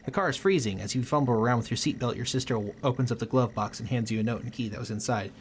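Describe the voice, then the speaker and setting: A man hosting a let's play, reading game text aloud with a quick, lightly dramatic delivery. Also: mid-range voice, slight background noise.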